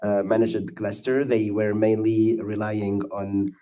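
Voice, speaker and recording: Low-voiced man explaining steadily. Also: flat delivery, mellow. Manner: measured, explanatory. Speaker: guest expert. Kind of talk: casual online panel chat.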